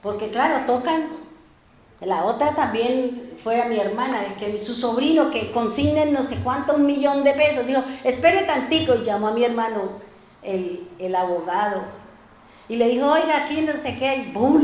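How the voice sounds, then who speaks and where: A woman pastor, preaching a sermon in a lively storytelling way and acting out voices. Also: fairly high pitch, normal speed, reverberant. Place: church.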